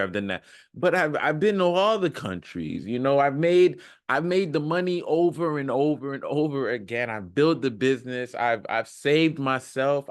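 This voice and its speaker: A self-improvement content creator in his thirties delivers an off-the-cuff, informal motivational monologue, slangy and full of emphatic repetition. His mid-range voice is recorded close on a large microphone with no room sound.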